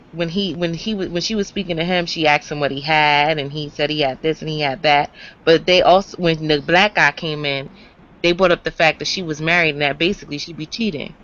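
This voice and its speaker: A woman commenting in a casual, conversational discussion. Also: a bit bright. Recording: slightly dull low-fidelity audio.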